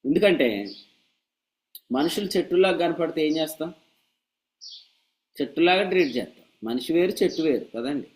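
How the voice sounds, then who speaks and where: A man preaching a sermon at a church meeting, animated and scolding with humor and rhetorical questions. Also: fairly high pitch, moderate pace, long pauses, rough recording. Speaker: pastor.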